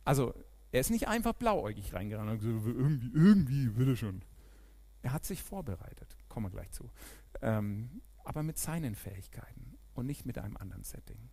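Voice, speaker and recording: A man preaching a sermon in a church, animated, swinging from loud emphatic peaks to quiet, near-whispered asides. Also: mid-range voice, fairly quick, vocal fry.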